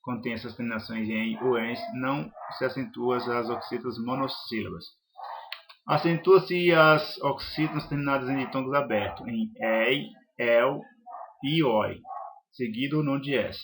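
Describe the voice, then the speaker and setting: A man's voice: medium pitch, moderate pace, background noise. A man teaching a grammar lesson, listing examples one by one in a methodical way with some hesitations.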